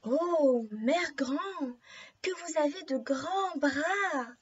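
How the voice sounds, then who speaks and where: A woman doing a high cheerful little girl. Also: steady tone, dry recording, highs cut off. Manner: high, bright, cheerful little voice, slow and wondering.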